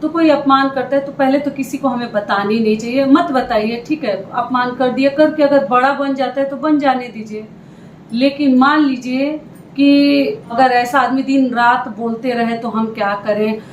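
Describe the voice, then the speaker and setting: A woman's voice: high-pitched, normal speed, reverberant, a little hiss or hum, rough recording. A woman giving relationship advice to her viewers in an earnest, repetitive, direct way. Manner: earnest, repeats points, addresses viewers directly. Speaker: advice vlogger. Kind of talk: casual advice talk.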